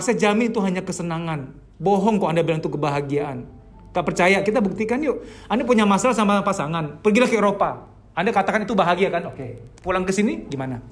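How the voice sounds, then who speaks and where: A man, a therapist, giving a lively, casual seminar lecture to a workshop group and putting rhetorical questions straight to his listeners. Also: sits high. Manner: casual colloquial speech mixed with teaching terms. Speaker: therapist leading a healing workshop.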